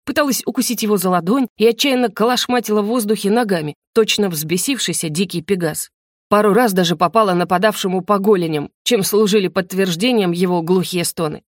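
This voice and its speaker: A woman narrating a first-person fantasy audiobook in a lively, wry manner. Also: mid-range voice, fairly quick, no room sound, clean studio sound.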